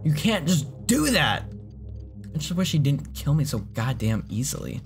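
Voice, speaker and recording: A man commentating his horror gameplay, loudly exasperated and swearing at the game. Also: fairly high pitch, sing-song, normal speed, gravelly. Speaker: gaming YouTuber. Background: game music.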